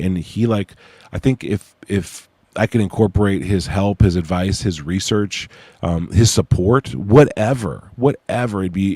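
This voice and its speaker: A man's voice: low voice, a little mellow, no echo. A man hosting a casual livestream in an informal, slangy, hesitant way, with a slight whistle on his s sounds. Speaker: livestream host presenting own research project. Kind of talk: casual livestream chat with read-aloud case notes.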